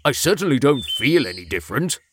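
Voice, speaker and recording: A man voicing an excitable young male dog with spots in a storybook, speaking in a bouncy, eager way. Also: medium pitch, brisk, a little hiss or hum. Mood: cheerful.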